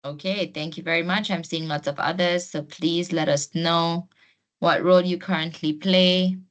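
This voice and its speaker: In a lo-fi recording, a woman with a low-leaning, steady voice talks at a moderate pace. She leads an informal webinar on a video call as host and trainer, inviting participants to join in.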